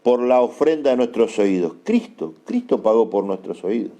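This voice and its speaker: Emphatic Argentine preacher man, mellow voice. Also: mid-range voice, lively intonation. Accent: Argentine Spanish. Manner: emphatic, repeats key phrases slowly for note-takers. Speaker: apostle preaching. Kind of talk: sermon.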